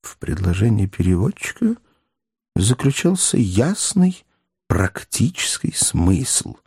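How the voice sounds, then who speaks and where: Male audiobook narrator, middle pitch, very animated delivery, dry close sound. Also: slow, breathy edge, no echo. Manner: expressive, lively storytelling. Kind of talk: audiobook reading.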